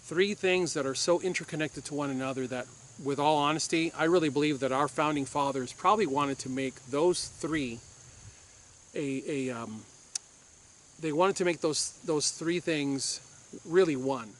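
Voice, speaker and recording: A man's voice: on the high side, moderate pace. A man from Puerto Rico, a former police officer, hosting a firearms channel and giving an insistent opinion monologue to camera, repeating his points for force.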